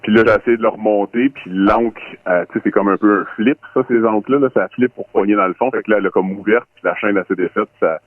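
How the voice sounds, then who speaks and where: A man with a Québécois accent calling in anonymously with a voice modifier making him sound deep and disguised. He tells his story in a rambling, halting way. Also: fairly even intonation, no echo. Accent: Québécois French. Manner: rambling, halting, repeats words while telling. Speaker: anonymous caller. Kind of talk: call-in confession story. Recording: dry tinny phone line.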